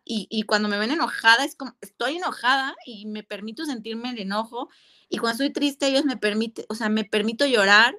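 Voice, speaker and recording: A woman's voice: a little high, a bit bright. A woman, a mother talking candidly and reflectively in a casual interview, with many fillers and restarts. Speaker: guest mother.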